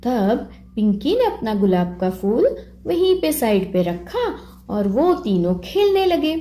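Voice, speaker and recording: A woman narrating a puppet story for children in an expressive, sing-song way. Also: fairly high pitch, takes it slowly. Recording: roomy echo.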